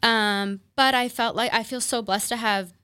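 A woman's voice: a little high, steady tone, normal speed, sharp tone, clear, resonant tone, dry recording, studio quality. A woman in her thirties, a makeup artist and business owner, telling her story in a casual interview with many fillers and restarts.

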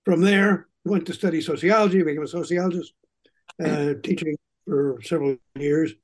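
A man in his eighties from Chicago introducing himself on a video call, with halting restarts. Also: on the high side, steady tone, poor audio. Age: 80s. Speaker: panel guest.

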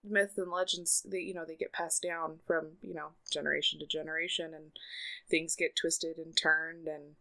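A young woman co-hosting a casual podcast, relaxed and enthusiastic. Her voice is bright and a little low, and she talks with easy fillers. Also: normal speed, vocal fry. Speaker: podcast co-host.

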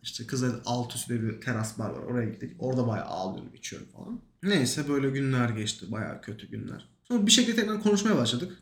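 A man's voice: mid-range voice, fast, few pauses. A young man telling a personal story in casual chat, acting out what people said with lots of emotion. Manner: animated, emotional retelling with quoted dialogue. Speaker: podcast guest. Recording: echoey room.

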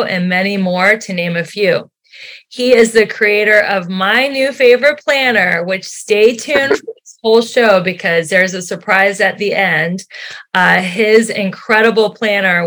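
A woman's voice: mid-range voice, fairly bright tone. A woman hosting an interview, introducing her guest with enthusiasm. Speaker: host.

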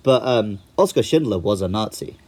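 Husky-voiced male co-host, dry and matter-of-fact, casual conversational tone. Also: on the low side, lively intonation, moderate pace, a little mellow. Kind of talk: casual chat about a film.

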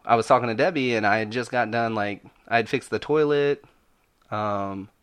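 A man's voice: mid-range voice, moderate pace, a bit bright, clear, resonant tone. Emphatic American man hosting a podcast. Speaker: podcast host.

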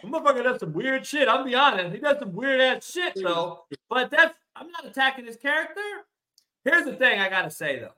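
Loud, opinionated man ribbing about sports, bright voice. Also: extremely high pitch, sing-song, a little fast. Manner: blunt, emphatic, repeats points for effect. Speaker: sports talk show host. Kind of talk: casual sports debate, profane.

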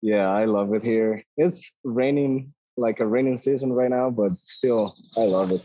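A young man with a Costa Rican Spanish accent talks in an easygoing way, hedging with "like" as he goes. His voice is mellow and a little husky, and he is recorded dry and close. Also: mid-range voice, unhurried, no room sound, highs cut off. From Costa Rica. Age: 20s. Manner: easygoing, laughs often, hedges with like. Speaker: guest, ATV racer. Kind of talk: casual interview.

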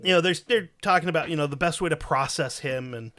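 A man's voice: a little high, quick pace, a bit bright. A man hosting a podcast, telling a true crime story in a crude, profane, joking way. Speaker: podcast host.

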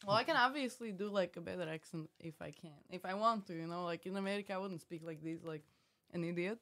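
A woman's voice: on the low side, fast, a bit bright. A young woman from Slovakia, speaking with a Slovak accent as a podcast guest, chatting casually in a blunt, self-deprecating way. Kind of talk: casual chat.

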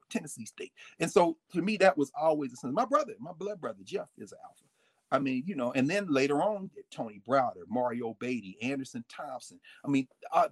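A man talks in a casual, emphatic way, often slipping into the voices of people he quotes. His voice is husky and sits a little high, with lively swings in pitch. The sound is dry and close. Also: dry recording. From United States. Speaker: guest speaking on fraternities and history. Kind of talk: casual storytelling conversation.

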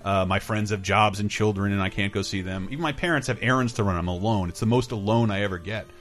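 A man's voice: fairly low pitch, fast talker, a bit bright, soft background music. A man hosting a podcast in casual chat, rambling and enthusiastic, swearing freely. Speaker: podcast host.

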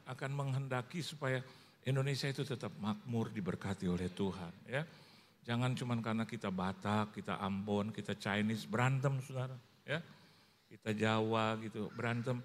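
A man preaching a sermon as pastor, animated and humorous, telling stories and acting out voices, in a church. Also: medium pitch. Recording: long church hall reverb.

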